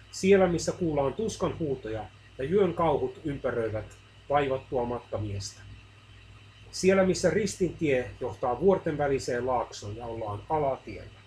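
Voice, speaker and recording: A man voicing a gentle, compassionate male Christ figure in a devotional story, speaking softly and consolingly. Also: medium pitch, slight background noise, lightly acted, poor audio. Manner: soft and consoling.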